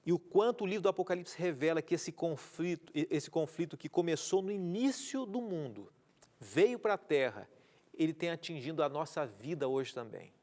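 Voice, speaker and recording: In a TV studio, a pastor with a Brazilian Portuguese accent leads a televised Bible study, his voice fairly high, animated, and darkish, at a normal pace. He keeps returning to key words with earnest emphasis, throws out rhetorical questions, and reads viewer messages complete with their greetings.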